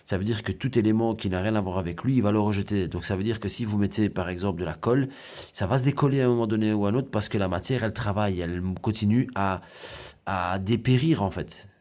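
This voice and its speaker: A man gives a casual hands-on tutorial. His voice sits deep and mellow. He rambles, jokes, and fills pauses freely. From Belgium. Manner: rambling, joking, chatty with many fillers. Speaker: aquarium hobby tutorial host.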